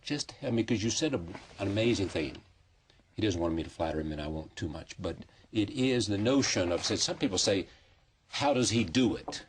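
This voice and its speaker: A man's voice: low-pitched, lively intonation, a little fast, a little hiss or hum. A man hosting an interview, asking probing questions and prompting his guests. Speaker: interview host.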